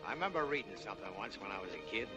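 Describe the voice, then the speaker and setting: An actor playing a big, humble middle-aged cowboy in a 1940s Western film, folksy and halting, with an American Western accent. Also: male voice, lowish voice, sing-song, lo-fi sound. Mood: gentle, bashful. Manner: folksy, plain-spoken, halting. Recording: old film soundtrack with music.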